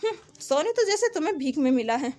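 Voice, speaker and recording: A woman voicing a sulky, jealous wife who taunts and complains in a sharp-tongued way. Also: high-pitched, very animated, brisk. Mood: taunting sulky.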